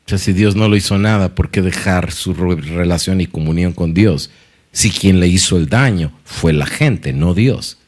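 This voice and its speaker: A man's voice: low voice, normal speed. A middle-aged man, a pastor telling a church story and acting out the dialogue. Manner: animated, acts out quoted dialogue.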